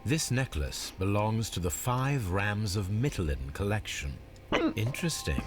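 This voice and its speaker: A man voicing a reserved, methodical middle-aged detective in a video game, reasoning out clues in a measured, deliberate way. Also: fairly low pitch, big pitch swings. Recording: game audio with noisy ambience behind.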